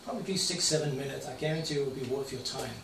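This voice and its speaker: A man's voice: medium pitch, very fast, creaky. An older man from Denmark with a Danish accent, a financial advisor walking through slides in a plain, matter-of-fact way with some stumbles. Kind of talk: slide presentation. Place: small room with projector screen. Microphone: far camera. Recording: roomy, distant camera sound with faint hiss.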